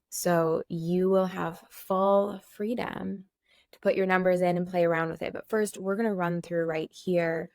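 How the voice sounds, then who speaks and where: Woman co-host, lowish gravelly voice, friendly and practical, dry sound. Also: no echo. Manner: friendly, practical, quick asides. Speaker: course co-host. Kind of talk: casual course walkthrough.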